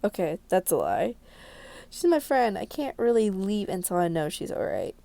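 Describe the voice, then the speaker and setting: A woman's voice: medium pitch, huge pitch swings, moderate pace, vocal fry, mellow. A woman reading a visual novel aloud as a game video creator, narrating dramatically and expressively with casual asides.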